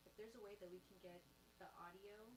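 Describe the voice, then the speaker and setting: A woman's voice: medium pitch, fairly even intonation, fairly quick, crowd noise. A woman on a stream production crew chatting casually, hesitant and playful. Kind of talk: casual workplace chat. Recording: echoey room with noise.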